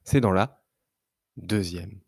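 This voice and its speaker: A man teaching young children to read, sounding out syllables slowly and carefully. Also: deep voice, husky, no room sound, studio quality. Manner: slow, careful, drawn-out syllables. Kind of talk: slow reading lesson for young children.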